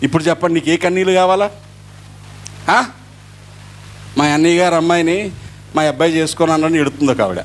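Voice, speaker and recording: Male pastor, middle-aged, Easter sermon, acts out dialogue, high voice. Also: brisk, pauses often. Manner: animated preaching, acting out dialogue.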